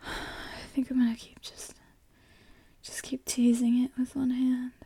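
A woman in an intimate, erotic whispered ASMR role-play for one adult listener, breathy and halting, speaking right in the ear. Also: high-pitched, completely flat delivery, mellow, dry recording. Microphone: very close microphone, dry.

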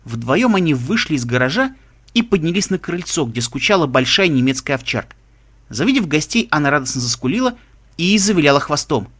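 Man reading a story, slightly high voice. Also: big pitch swings, a little fast, fairly bright tone, slightly rough. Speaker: narrator. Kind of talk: audiobook reading.

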